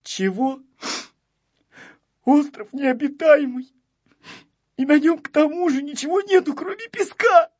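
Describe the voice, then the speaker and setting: A man's voice: high-pitched, big pitch swings, slow pace, slightly rough, voice pushed up, heavily acted. A man voicing a timid, tearful little boy shorty who whines and wails, on a slightly dull recording. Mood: whining. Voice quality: whiny, wailing.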